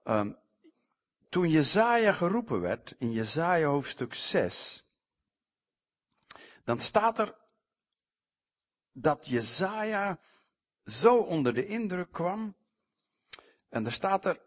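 A man preaching a sermon, swinging sharply in pitch and loudness and stretching out key words. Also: breathy edge.

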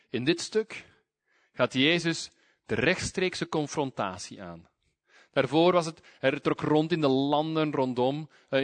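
Male pastor, sermon delivery with lively emphasis, dry recording. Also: mid-range voice, no echo. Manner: lively emphasis, reading scripture aloud.

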